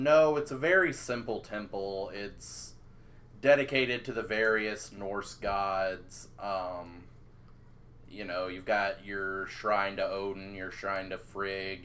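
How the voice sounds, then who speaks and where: Guy running a tabletop game, low voice, real slow, describing stuff, bit of noise behind. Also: a bit bright. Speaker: game master.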